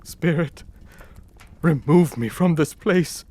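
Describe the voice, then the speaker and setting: An actor playing Ebenezer Scrooge, an anguished, bitter miser, in a theatrical, pleading audio drama style. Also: male voice, fairly high pitch, slow pace, a little mellow.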